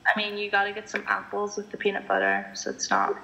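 A woman's voice: mid-range voice, sing-song, fast talker, vocal fry, bright, forceful tone, lo-fi sound. Woman, friend on a call, playful and teasing. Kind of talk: casual chat on a call.

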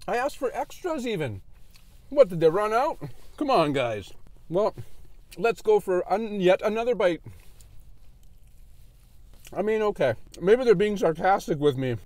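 A chatty, animated man gives a casual food review from his car, laughing as he goes. His voice sits fairly high, and the sound is close and dry with no room echo. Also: a little slow, pauses often. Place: in a parked car.

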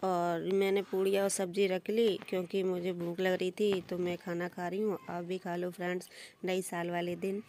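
A woman's voice: on the low side, little pitch movement, normal speed, warm tone, a little hiss or hum. A woman chatting through a homely voice-over for her family vlog, recorded at home. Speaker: vlogger.

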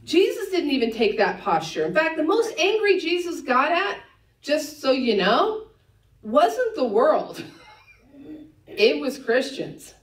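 Animated woman pastor preaching in an echoey church. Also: high voice, recorded from a distance. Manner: conversational, teasing asides with quick laughs. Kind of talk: sermon. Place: church sanctuary. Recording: echoey church room, voice a bit off-mic.

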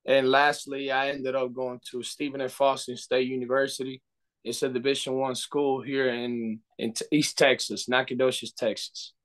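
A man's voice: medium pitch, little pitch movement, moderate pace, a bit bright. A young man from the Dominican Republic with a Dominican Spanish accent, a baseball coach talking earnestly on a video call, often restarting and saying "you know". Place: indoor room. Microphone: webcam on video call.

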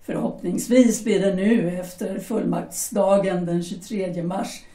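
Dark-toned and natural, this woman's medium-pitched voice stays fairly even, captured from a distant mic in an echoey space. Acting in an amateur audio drama, she's a shipyard worker's wife, a pragmatic young German mother who persuasively, insistently coaxes her husband and shrugs off his doubts.

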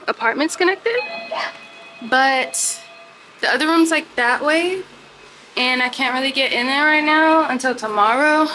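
Bright and high-voiced, a young adult travel vlogger chats animatedly to her viewers, calling them "y'all," in a casual vlog to camera. She films on a handheld phone at arm's length from a hotel room and balcony at night, outdoors by a city street.

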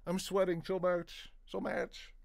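A man's voice: high-pitched, level tone, unhurried, vocal fry, dry recording, clean studio sound. A young man streaming a horror game live, jumpy and swearing, laughing at his own fright.

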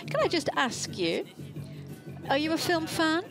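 A woman works as a live interpreter for red-carpet TV, her voice sitting fairly high. She delivers the English in halting, phrase-by-phrase bursts, with music clearly playing behind her. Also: sing-song.

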